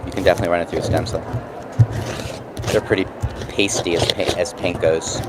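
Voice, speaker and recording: A man with a New York accent casually explaining and demonstrating craft products, pausing mid-sentence as he works. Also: low voice, flat delivery. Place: busy convention booth. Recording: noisy trade show floor background.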